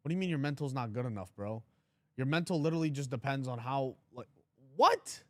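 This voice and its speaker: A man's voice: medium pitch, lively intonation, a little fast, darkish tone, no echo. A man in his twenties hosting a trading livestream, talking casually and bluntly, teasing his chat and reading comments aloud. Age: 20s.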